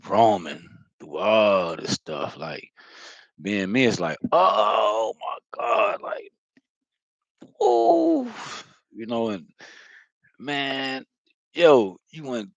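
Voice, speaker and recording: A man's voice: mid-range voice, dry recording, muffled recording. A man giving a loose, profane spiritual monologue, talking casually with lots of fillers. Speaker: spiritual vlogger.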